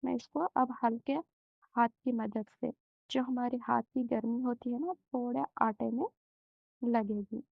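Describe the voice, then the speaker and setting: A young woman hosting a home cooking channel, walking through a recipe step by step in a slow, gentle way with many hesitations. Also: a little high, steady tone, gravelly, husky, dry recording, phone-quality sound.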